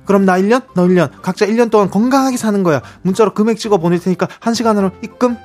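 A bossy middle-aged older sister who barks orders at her younger sibling, played by a man. The voice sits very high and the words come out in a quick, brusque stream. Soft music plays under this radio comedy skit. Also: lightly acted.

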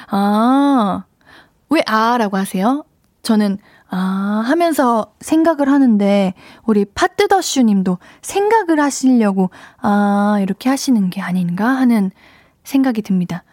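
A woman's voice: a little high, darkish tone, no echo, clean studio sound. A woman radio DJ chatting playfully as she reads out listener messages on a live show. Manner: playful, chatty, tries out dialect phrases. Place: radio studio. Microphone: studio mic.

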